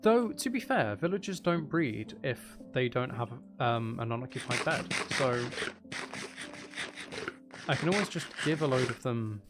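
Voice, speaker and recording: Over background music, a male gaming streamer gives relaxed live commentary on his play, thinking out loud and grumbling to himself with mild annoyance. His mid-range voice is expressive and his delivery unhurried.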